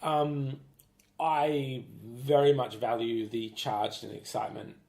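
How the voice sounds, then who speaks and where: Gravelly excitable man. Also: medium pitch, slow pace. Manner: excitable, bursts into loud whoops. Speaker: podcast co-host. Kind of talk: casual film review chat. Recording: echoey room.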